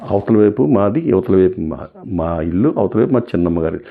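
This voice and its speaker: A man's voice: deep voice, expressive, brisk, vocal fry. A man giving an emotional personal testimony, telling his story and acting out the voices of the people in it. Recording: tinny phone-like sound.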